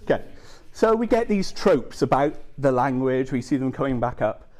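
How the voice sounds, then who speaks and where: His voice is medium-pitched, sing-song and darkish in tone, moving at normal speed. This middle-aged academic presenter delivers a conference talk in a conversational style, repeatedly checking in with the room via "okay" and "yeah."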